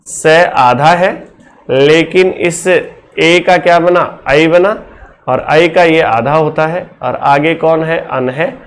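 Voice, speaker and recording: Guy teaching a class, unhurried, kinda high voice, keeps asking "clear?" and checking in. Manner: explains step by step with constant rhetorical questions to students. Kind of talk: classroom lecture.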